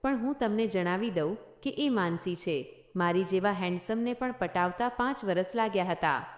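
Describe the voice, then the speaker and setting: A joking young husband in a storybook tale, read by a woman, always teasing and wisecracking. The voice sits at a middle pitch. It is heard in an echoey room. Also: normal speed, lightly acted.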